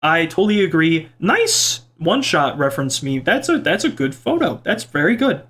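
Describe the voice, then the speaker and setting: A man's voice: fairly high pitch, sing-song, normal speed, a bit bright. A young man at a home computer mic, casually reading viewer comments in a playful, rambling way. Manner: playful, rambling, easily amused. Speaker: gaming vlogger reading comments. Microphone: desk microphone at a computer.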